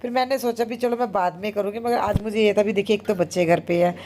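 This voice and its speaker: A woman in her thirties, a homemaker vlogger, chatting casually and very fast with many fillers. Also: medium pitch, steady tone, darkish tone, a little hiss or hum. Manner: talks very fast. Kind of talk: casual vlog narration.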